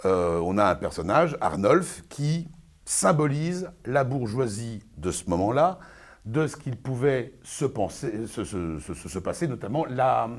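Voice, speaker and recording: A man giving an informal spoken lesson as a theatre teacher presenting to viewers. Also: medium pitch.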